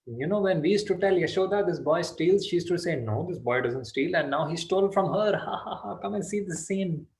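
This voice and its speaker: A man's voice: high-pitched, animated, fairly quick, hardly any pauses, a little mellow, reverberant. A man voicing a gossiping village woman who calls her friend over to laugh at a neighbor's trouble. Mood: mocking. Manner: teasing, mocking.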